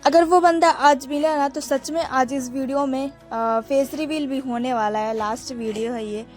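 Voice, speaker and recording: A young woman narrates her vlog at a moderate pace, keeping things relaxed and conversational. She speaks right to her audience, calling them friends, in a voice pitched a little high over faint music.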